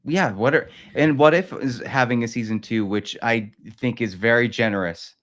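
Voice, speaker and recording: A man's voice: medium pitch, moderate pace, fairly bright tone. A man chatting as a guest in a casual talk, wry and jokey. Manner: jokey, wry, laughs often. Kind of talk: casual chat.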